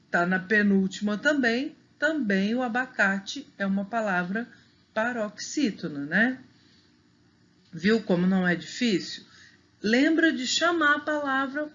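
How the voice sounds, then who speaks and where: Slow, lively-voiced woman teaching children. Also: dull audio. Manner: stretches out example words slowly and pitches them up for emphasis; patient, encouraging, with frequent tag questions. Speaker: primary school teacher. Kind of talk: recorded video lesson for children.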